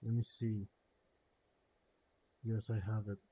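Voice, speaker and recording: A man with a mellow, dark voice reads game text aloud in a casual way. He trips over longer words, repeats them and starts again. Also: fairly low pitch, level tone, slow pace, a little hiss or hum. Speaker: streamer reading a story game aloud.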